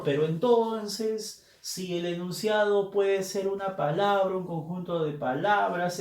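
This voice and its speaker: A man's voice: sits high, darkish tone, voice pushed up. A man voicing a curious student who questions his teacher in a puzzled tone. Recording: roomy echo.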